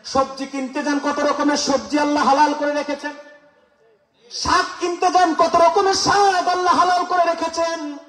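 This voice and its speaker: A man's voice: very high voice, level tone, moderate pace. A man with a Cumilla Bengali accent, a preacher giving a playful sermon to a gathering and often calling on the crowd to answer. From Cumilla, Bangladesh. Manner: playful, keeps quizzing the crowd for replies. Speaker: Islamic preacher. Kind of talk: humorous sermon at a religious gathering. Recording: echoey hall, preacher far from the mic.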